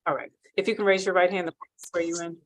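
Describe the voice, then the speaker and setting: On a courtroom recording, a low-voiced woman judge hurries through a hearing. Brisk and formal, she recites the standard procedure by rote in a flat delivery.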